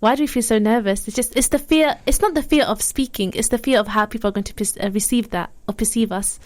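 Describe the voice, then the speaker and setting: A young woman co-hosting a community radio talk show in an easy, conversational way. She sounds reflective and encouraging, often stepping in with quick asides as she talks. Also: fairly high pitch. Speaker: radio co-host. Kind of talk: casual radio chat.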